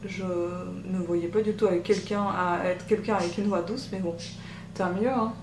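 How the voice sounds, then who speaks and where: Woman, soft voice, casual tutorial chat, hesitant; distant mic, roomy, loud hum behind. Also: on the low side, fairly even intonation. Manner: chatty, hesitant with many pauses. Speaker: beauty vlogger. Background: machine hum.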